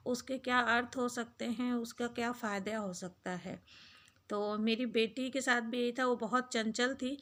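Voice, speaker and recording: A middle-aged mother speaking to young girls in a gentle, motherly way, as if giving them advice face to face. Her voice sits a little high and sounds bright and clear. She talks in a relaxed, chatty vlog style. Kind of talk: casual advice talk to camera.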